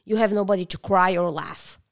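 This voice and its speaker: A woman's voice: medium pitch, a little fast, vocal fry. Earnest woman. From Bulgaria. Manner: reflective, earnest, with frequent restarts. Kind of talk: casual interview conversation.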